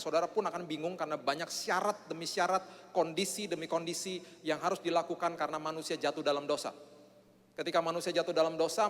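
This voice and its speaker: This male pastor's voice is fairly high and a bit bright. He jokes self-mockingly through a sermon with prayer, with plenty of "eh" fillers, and the church hall adds a long reverb.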